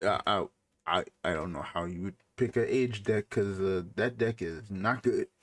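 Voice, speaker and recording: A man's voice: low voice, normal speed. A man co-hosting a casual podcast chat, teasing and incredulous as he talks. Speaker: podcast co-host.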